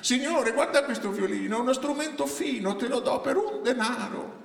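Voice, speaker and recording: Un uomo che fa una vecchia brigantessa furba e piagnucolosa, con voce alzata e cantilenante, in una sala che rimbomba da lontano. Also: male voice, lively intonation, moderate pace, creaky, heavily acted. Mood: wheedling. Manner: wheedling, sing-song sales pitch. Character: sly old female thief in disguise. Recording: echoey hall, distant mic.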